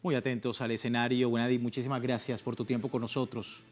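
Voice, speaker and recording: A man's voice: medium pitch, flat delivery, fast. A man presenting a news and interview programme as its host. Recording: music playing behind the voice. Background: music.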